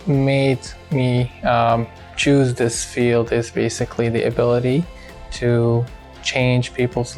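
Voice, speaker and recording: A man from Syria, a cardiologist speaking in a hospital profile interview, measured and halting with many fillers. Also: medium pitch, vocal fry, a little mellow.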